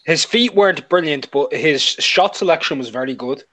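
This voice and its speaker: A man in casual chat about a fight, relaxed and analytical with a dry, amused edge. His voice sits a touch higher than average. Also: normal speed.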